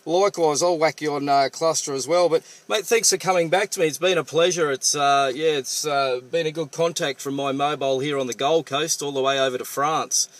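A man with an Australian accent talking as a radio operator in a casual, matey, halting way, with call signs and jargon. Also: on the high side, fairly even intonation, a bit bright, dry recording. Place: parked vehicle.

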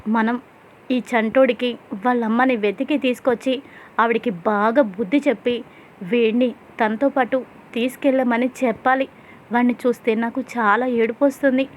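A woman's voice: a little high, a little hiss or hum, close to an everyday voice. A woman voicing a young married man who fires off teasing questions and then speaks earnestly about his own childhood, reading him in her own voice. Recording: dull lo-fi sound.

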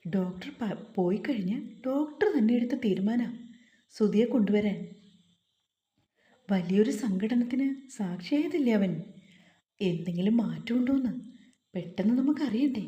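A woman voicing a calm family man, speaking soothingly and explaining; roomy echo. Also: high voice, moderate pace, pauses often, dull audio. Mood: reassuring.

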